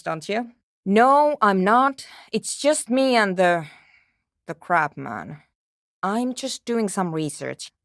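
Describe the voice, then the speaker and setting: In this video game dialogue, the character is a brusque, nerdy young programmer investigating a radio anomaly, played by an actress with a dry, sardonic, matter-of-fact delivery. She sounds irritated. Her medium-pitched voice is captured in a dry recording.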